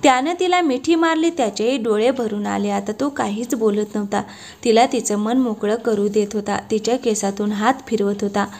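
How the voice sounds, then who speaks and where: A woman narrating a romantic story in a soft, steady storytelling manner. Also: a little high, moderate pace.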